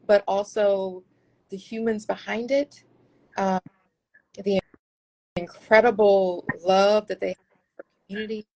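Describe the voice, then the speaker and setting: A woman speaking as a guest researcher in a casual interview, earnest and thoughtful, often pausing and restarting her sentences. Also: mid-range voice, fairly even intonation, warm tone, no room sound, poor audio.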